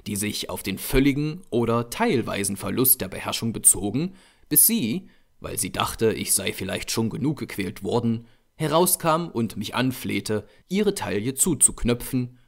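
A man narrating a horror audiobook in a measured, expressive storytelling manner. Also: medium pitch, vocal fry.

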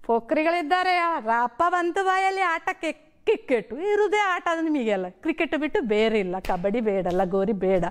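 A woman's voice: high-pitched, lively intonation, moderate pace. A middle-aged woman teaching a primary school lesson on television, asking the children questions and explaining words in a sing-song storytelling way.

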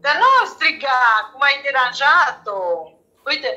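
A woman chats at home, animated and quick with exclamations. Her voice sits high and sounds bright and sharp. The room around her is roomy and echoing. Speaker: home cook and vlogger. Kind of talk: casual family chat.

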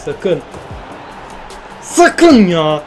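Excitable man playing a football game. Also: high-pitched, extremely slow, soft background music. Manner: exclaiming and repeating phrases. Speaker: gaming YouTuber.

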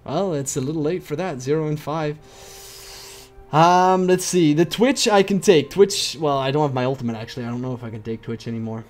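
A young man casually commentating his own game, excitable and whooping at big plays, chatting to his viewers as boys and dudes. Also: on the high side, fairly quick, soft background music. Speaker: gameplay commentator.

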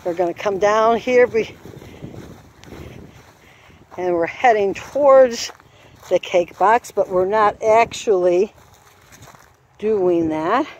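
A course designer gives an instructional walk-through of an outdoor horse course, filming on a handheld phone and explaining each obstacle unhurriedly, occasionally correcting herself. Her voice is medium-pitched with a darkish tone, and faint outdoor noise comes through as she sometimes drifts far from the mic.

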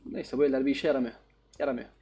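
A man's voice: mid-range voice, fairly even intonation, racing, dark tone, breathy edge. A man playing a horror game and commenting casually, joking and talking back to the characters on screen. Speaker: gaming YouTuber.

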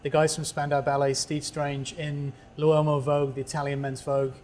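A man's voice: on the high side, flat delivery, moderate pace, a little mellow, slight background noise. A man interviewing a musician guest in a casual chat, admiring and conversational. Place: lounge venue.

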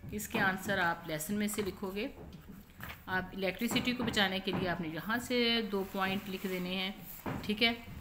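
A woman teacher with a medium-pitched voice works through a textbook lesson, patiently repeating each point and reading the English examples slowly. Background noise can be heard.

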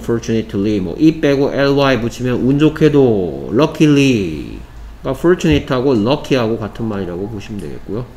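A man's voice: mid-range voice, warm tone. A man teaching English vocabulary to middle school students, explaining step by step and repeating key words. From South Korea. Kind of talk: vocabulary lesson.

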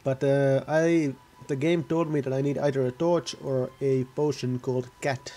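A man's voice: mid-range voice, fairly even intonation, normal speed, mellow, faint music behind. A man giving casual, rambling gameplay commentary, often correcting himself mid-sentence. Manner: rambling, self-correcting, offhand. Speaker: gaming video host.

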